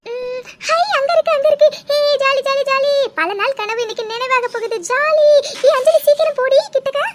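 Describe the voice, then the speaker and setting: Someone voicing a very high-pitched feisty cartoon girl. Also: a little fast, very noisy. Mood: eager. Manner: scolds loudly, then cries. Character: frightened, feisty young woman out alone at night.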